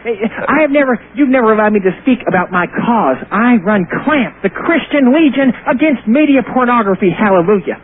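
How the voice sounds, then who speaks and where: A man with an extremely high, expressive voice calls in to a radio show and rants at normal speed with hardly any pauses, arguing in an indignant, self-righteous, preachy way. The phone line is tinny and hissy.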